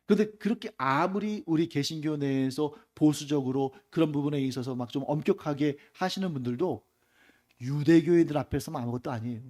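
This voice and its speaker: A man's voice: a little high, warm tone. A male pastor giving a Sunday afternoon sermon in a church, talking conversationally and often putting questions to the congregation. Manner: conversational preaching with frequent rhetorical questions to the congregation. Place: church sanctuary.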